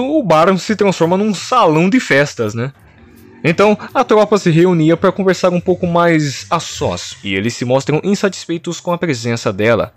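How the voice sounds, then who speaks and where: Um jovem adulto brasileiro narrando em tom casual e cômico, cheio de gírias e deboche, com sotaque brasileiro. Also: male voice, a little high, dry recording. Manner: slangy, mocking, expressive. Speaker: comic book recap narrator. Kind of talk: comedic casual recap narration.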